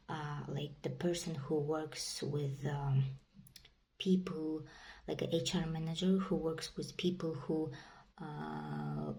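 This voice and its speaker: A young woman with a Kazakh accent, a native Kazakh speaker, chats casually to camera in a vlog monologue, rambling and repeating herself with plenty of "you know" and "like." Her voice is deep with a darkish tone, and the recording sounds rough.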